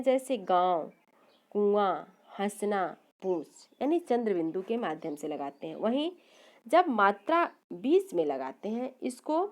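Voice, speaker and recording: A woman's voice: mid-range voice, a little mellow. A woman teaching a grammar lesson, sounding out letters one by one and explaining each step, now and then correcting herself. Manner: corrects herself mid-sentence. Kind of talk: slide-based grammar lesson.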